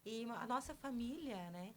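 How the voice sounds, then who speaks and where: A woman's voice: a little high, lively intonation, a little slow, slight background noise. A woman from Porto Alegre with a Gaúcho accent, a podcast guest telling her life story in a chatty way, often adding tag questions, close to a studio microphone. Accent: Gaúcho Portuguese. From Porto Alegre, southern Brazil. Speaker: podcast guest, personal trainer. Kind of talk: conversational storytelling.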